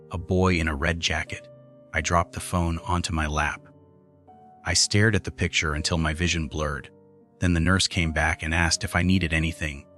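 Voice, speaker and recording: Man, very low voice, scripted horror narration, measured delivery, faint music underneath. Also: a bit bright.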